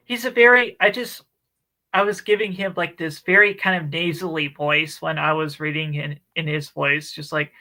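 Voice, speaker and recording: Male co-host, casual book chat, bright edge, animated filler-heavy delivery. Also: fairly high pitch, moderate pace, rough recording. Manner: animated, chatty retelling with many fillers. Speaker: book club podcast co-host.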